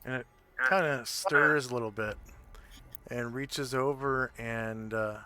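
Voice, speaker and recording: A man improvising narration as a tabletop game master, halting and pausing to think. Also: mid-range voice, bright, forceful tone, clean tone, faint music behind.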